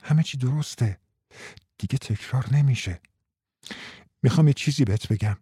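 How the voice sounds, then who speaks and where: A man voicing a determined, scheming young wife who speaks in a hushed, coaxing way. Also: medium pitch, breathy edge, no echo, clean studio sound, natural voice.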